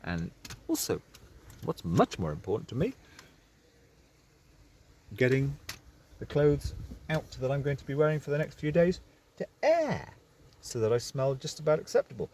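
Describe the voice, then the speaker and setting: A man's voice: on the high side, very animated, normal speed, long pauses, a little mellow, a little hiss or hum. A man talking into his phone camera from a parked vehicle, rambling and going off on digressions in a casual vlog. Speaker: vlogger.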